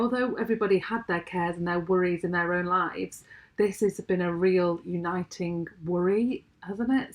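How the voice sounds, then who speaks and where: Chatty woman co-hosting a podcast. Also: on the low side. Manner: thoughtful, chatty with fillers. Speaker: podcast co-host. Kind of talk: casual podcast chat.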